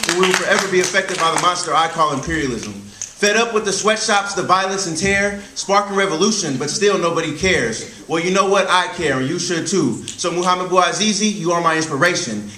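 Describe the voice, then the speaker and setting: A man's voice: high voice, pushed and bright, slight background noise. A teenage boy performing spoken word poetry at a student slam, declamatory and earnest. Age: teens. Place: school hall. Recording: echoey hall.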